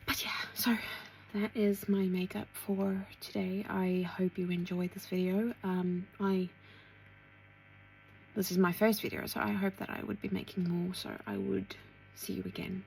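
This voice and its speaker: A woman chatting casually through a makeup tutorial, talking to herself as she works and dropping into soft asides. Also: medium pitch, little pitch movement, a little slow, gravelly, a little hiss or hum, rough recording. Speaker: beauty vlogger.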